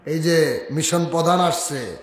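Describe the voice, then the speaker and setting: Preacher guy, high voice, slow storytelling, shouts a lot. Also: reverberant. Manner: shouts to the crowd, drawn-out storytelling. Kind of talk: religious sermon.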